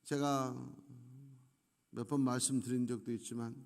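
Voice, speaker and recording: A middle-aged male pastor giving an earnest sermon, slowing down for emphasis between phrases. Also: medium pitch, little pitch movement, creaky, darkish tone. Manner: earnest preaching with slow, emphatic pauses. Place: church sanctuary. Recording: echoey church hall.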